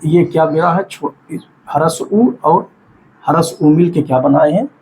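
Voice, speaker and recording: A man's voice: on the high side, measured pace, creaky, a little mellow, a little hiss or hum, poor audio. A man teaching an exam-prep grammar lesson. He asks questions and answers them himself, and he stretches out vowel sounds to show them. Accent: Hindi-speaking north Indian.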